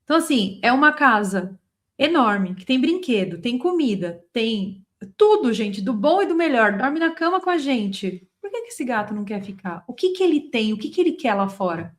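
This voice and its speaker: A Brazilian woman with a fairly high voice, talking directly to her audience as she tells a personal story. She is animated and expressive, clearly caught up in what she is telling, and keeps pulling the listener in. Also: moderate pace. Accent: Brazilian Portuguese. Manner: emotionally involved, expressive. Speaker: spiritual teacher and channel host.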